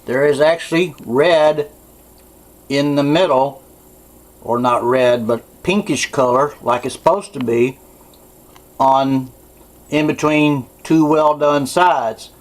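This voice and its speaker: A man's voice: on the high side, slow pace, long pauses, low-quality recording. A man doing a casual home cooking demonstration in his kitchen, plainspoken and correcting himself as he goes.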